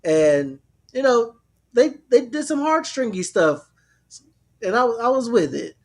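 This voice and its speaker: A man in a casual chat with friends, talking in a relaxed, reflective way and drawing out his phrases. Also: very high-pitched, a little slow.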